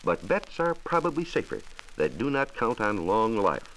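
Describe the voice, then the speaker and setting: This one comes off a noisy 1940s transcription disc: a lowish, slightly bright American voice, very animated at a moderate pace. He's a period radio reporter in a studio, reading a precise, formal science script.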